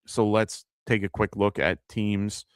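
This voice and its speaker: A man's voice: lowish voice, flat delivery, measured pace, clean tone, no echo, clean studio sound. A man with a New York accent hosting a live fantasy football show, talking casually and thinking aloud with lots of fillers as he answers viewer questions.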